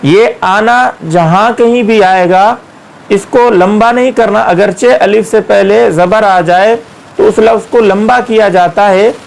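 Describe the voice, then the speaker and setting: A man's voice: high-pitched, measured pace, vocal fry, poor audio. A man teaching Quran reading, patiently spelling out syllables one by one and drawing out each sound. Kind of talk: slow step-by-step recitation lesson.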